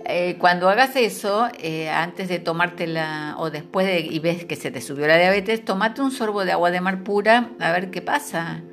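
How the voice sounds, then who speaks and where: A woman hosting a radio interview, chatty and quick with short backchannel sounds. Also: on the low side, soft background music. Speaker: radio host.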